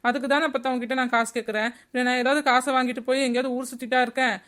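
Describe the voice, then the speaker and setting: A woman's voice: high-pitched, level tone, very fast, fairly bright tone. A woman voicing the mother and the college-age granddaughter in a cartoon, chatty and pleading. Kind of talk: cartoon voice acting.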